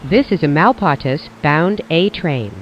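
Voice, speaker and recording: Over quiet vehicle noise, a train announcer gives a set, evenly paced announcement whose pitch moves animatedly. The audio itself comes across as dull.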